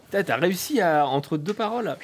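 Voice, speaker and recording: A man's voice: high-pitched, lively intonation, fast, slight background noise. A man co-hosting a radio show, chatting casually, enthusiastic and emphatic, with frequent swearing.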